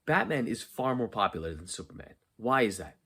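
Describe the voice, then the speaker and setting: A man's voice: fairly low pitch, sing-song, brisk, pushed and bright, husky. A man hosting a solo podcast from an unfinished basement, talking earnestly and emphatically, asking questions and answering them himself. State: just after working out. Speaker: podcast host. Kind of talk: solo motivational podcast talk.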